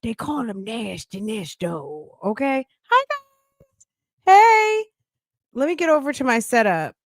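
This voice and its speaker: Slow-talking sassy woman in her fifties. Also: on the high side, big pitch swings, no room sound, clean studio sound. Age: 50s. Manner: sassy, playful, thanks viewers by name. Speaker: podcast host. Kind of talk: casual livestream chat.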